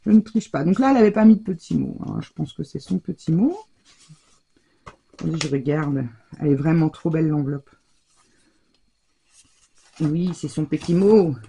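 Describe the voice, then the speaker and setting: This woman has a deep, dark, husky voice with vocal fry, expressive and moderately paced, pausing often. She hosts a craft channel and casually chats while opening her mail at home, gushing over each card between lots of fillers. An overhead table camera records her in her home craft room, shutter half closed.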